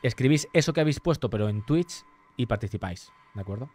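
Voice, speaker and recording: A young man, live-streaming gameplay in a mid-pitched voice. He talks to his chat, reads their comments aloud and swears freely. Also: expressive, fast talker, darkish tone. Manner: chatty, swears often, reads and answers chat.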